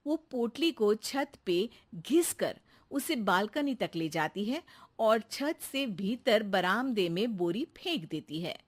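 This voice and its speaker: A woman narrating a cartoon story in a steady, matter-of-fact way. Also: medium pitch, slow pace.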